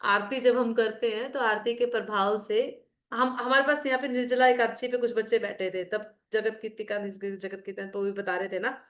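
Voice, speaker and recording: A woman's voice: fairly high pitch, steady tone, moderate pace, fairly bright tone. Woman teaching in an echoey room. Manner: conversational, explaining with anecdotes and asides. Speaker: teacher of a devotional class. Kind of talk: casual Hindi class talk mixing English.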